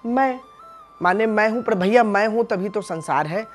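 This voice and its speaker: A man's voice: high-pitched, moderate pace, faint music behind. A male religious teacher giving a devotional discourse, addressing the listeners as friends and sounding out syllables one by one to make his point. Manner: explains Hindi sounds by voicing each syllable; addresses the audience as friends, asks rhetorical questions.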